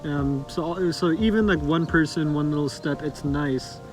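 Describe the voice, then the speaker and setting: A man with a fairly high voice chats as a vlog co-host. His phrasing is casual and informal, and some music plays behind him. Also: unhurried. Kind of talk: casual couple vlog chat.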